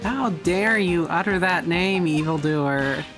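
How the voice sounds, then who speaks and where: A woman's voice: fairly low pitch, slow pace, over music. A woman voicing a defiant, boastful twelve-year-old boy in an amateur video game read-through. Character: bratty, cocky twelve-year-old boy, a hero-show fanatic.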